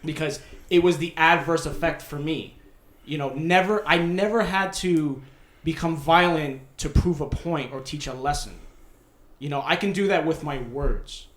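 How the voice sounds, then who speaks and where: A man's voice: on the high side, moderate pace, fairly bright tone, roomy sound. Blunt, swearing New York-raised man. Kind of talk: casual storytelling chat.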